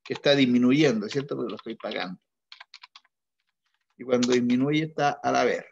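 A man's voice: medium pitch, normal speed, creaky, lo-fi sound, a little hiss or hum. A male accounting teacher leading an online class, patiently quizzing students step by step. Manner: questioning students, patient and methodical.

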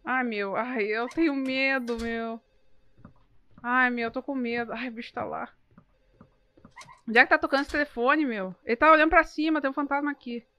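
A woman's voice: high voice, steady tone, normal speed, pauses often, bright, forceful tone. A young woman, giving live gameplay commentary, jumpy and exclaiming, swearing at enemies. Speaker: streamer.

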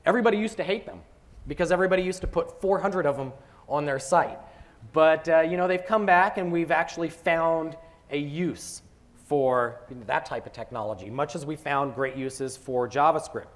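A man presenting software at a conference, talking through a live demo with joking asides. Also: on the high side, moderate pace.

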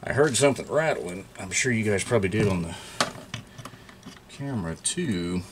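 This casual show-and-tell features a middle-aged chainsaw repair channel host examining an old tool on his workbench in an indoor workshop, thinking aloud and exclaiming in surprise. His voice is on the low side with lively intonation and a normal pace, against background noise.

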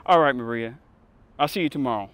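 An actor playing a firm, middle-aged off-duty police captain in a drama, with a commanding, measured and dry manner. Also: male voice, mid-range voice, a bit bright, close to an everyday voice. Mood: relaxed, amused. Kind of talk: acted drama dialogue. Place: outdoor parking lot.

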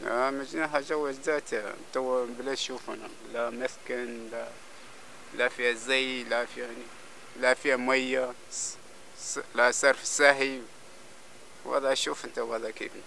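A middle-aged man with a Libyan Arabic accent, answering a street interview outdoors in a desert village with grave, halting complaints. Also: medium pitch, level tone, creaky, pushed and bright, slight background noise. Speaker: local resident. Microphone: handheld camera at close range.

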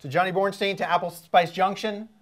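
A man with an American accent hosts a casual chat in a playful, joking way. His voice sits fairly high for a man. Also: fairly even intonation, a little fast, background noise. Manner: jokey, playful interviewer. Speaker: host.

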